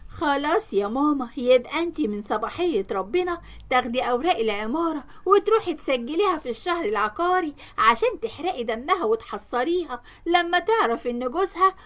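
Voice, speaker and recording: A woman's voice: high voice, expressive, a little fast. Woman voicing a spiteful Egyptian sister-in-law. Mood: plotting. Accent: Egyptian Arabic. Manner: angry, shouting.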